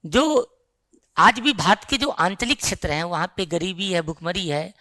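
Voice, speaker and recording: एक पुरुष शिक्षक कक्षा में पाठ्यक्रम समझाते हुए, बीच-बीच में छात्रों से सवाल पूछता है।. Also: male voice, high voice, moderate pace, bright, forceful tone. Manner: explains with rhetorical questions to the class. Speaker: teacher. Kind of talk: classroom lecture on the syllabus.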